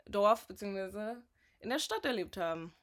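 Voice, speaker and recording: A woman in her twenties co-hosting a casual podcast, loud and outgoing, often laughing as she talks. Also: mid-range voice, expressive, normal speed. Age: 20s. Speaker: podcast co-host. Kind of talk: casual chat.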